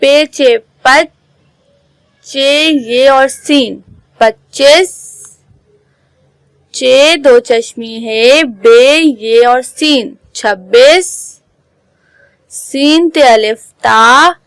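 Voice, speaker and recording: A woman school teacher giving an online class, spelling out words slowly letter by letter. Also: high voice, gravelly, smooth, dry recording, rough recording. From Pakistan. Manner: slow, careful letter-by-letter dictation.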